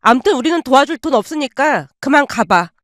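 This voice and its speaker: A woman voicing a bitter, angry middle-aged mother who answers in sharp, curt retorts. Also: sits high, expressive, a little fast, no echo.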